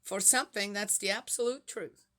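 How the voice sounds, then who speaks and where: A woman's voice: mid-range voice, steady tone, normal speed, bright, forceful tone. Chatty woman in her sixties. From Switzerland. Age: 60s. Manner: rambling, fires rhetorical questions at viewers. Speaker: vlogger reading the Bible. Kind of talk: casual chatty monologue.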